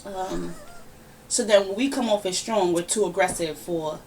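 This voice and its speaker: A woman hosting a casual podcast, giving her opinions in a lively, ranting, conversational way. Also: fairly low pitch, moderate pace. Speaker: podcast host. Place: home room, relaxed podcast setting. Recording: somewhat distant mic with faint background noise.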